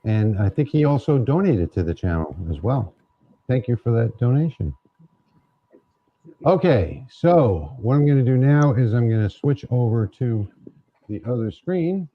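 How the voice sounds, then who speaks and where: A man's voice: medium pitch, sing-song, a little slow. A man hosting a casual livestream from a home laser workshop, chatty and thinking aloud on a wireless mic. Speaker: livestream host. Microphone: wireless clip-on mic. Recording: slightly muffled livestream audio.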